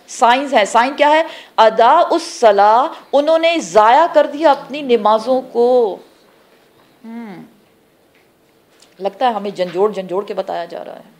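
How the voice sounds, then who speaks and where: A woman's voice: mid-range voice, darkish tone. A woman teaching a religious class, explaining scripture phrase by phrase and asking the class questions that she then answers herself. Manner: explains terms word by word, pausing between phrases. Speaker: Quran teacher.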